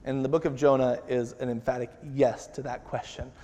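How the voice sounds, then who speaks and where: Conversational preacher in a reverberant church. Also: male voice, medium pitch, flat delivery, brisk, mellow. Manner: conversational, acts out quotes with rising intensity. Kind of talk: sermon. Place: church sanctuary.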